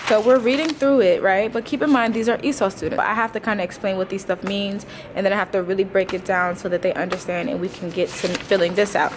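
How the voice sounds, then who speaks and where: A noisy background surrounds this medium-pitched woman's voice. She's a teacher in her twenties vlogging for her audience, keeping things casual and slangy with the occasional wry aside.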